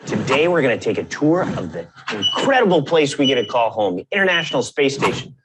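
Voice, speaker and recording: A man's voice: mid-range voice, sing-song, brisk, noisy background. Man's narration sped up into a chipmunk voice. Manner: upbeat show-and-tell. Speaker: astronaut. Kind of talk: quick explainer video narration.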